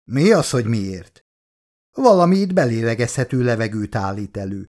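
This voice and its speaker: A man's voice: mid-range voice, lively intonation, darkish tone, lightly acted. A man voicing a wisecracking male ship pilot who talks in a pushy, joking way in an audiobook.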